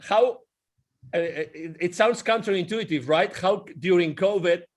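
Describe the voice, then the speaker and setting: A man's voice: sits high, a little slow. A man co-hosting a casual interview, rambling and enthusiastic, often repeating words. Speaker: podcast co-host.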